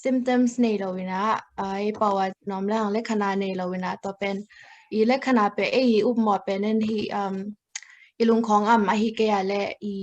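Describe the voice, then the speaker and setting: A woman's voice: mid-range voice, darkish tone. A woman giving an online health talk over a video call, speaking hesitantly with fillers and slipping in English medical terms. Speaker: health presenter.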